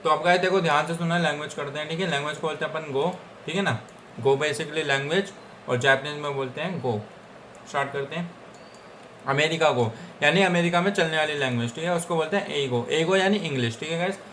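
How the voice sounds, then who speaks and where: A man's voice: on the high side, brisk, fairly bright tone, a little hiss or hum. Man teaching Japanese words in Hindi. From India. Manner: repeats each word several times, with frequent "theek hai guys". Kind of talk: casual Hindi language lesson.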